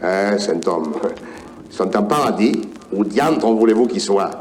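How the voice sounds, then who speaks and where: A man's voice: fairly low pitch, expressive, a little slow, darkish tone, slight background noise. An actor with a Provençal accent playing a weary, patient male angel who keeps a great register, speaking in a sighing, matter-of-fact way.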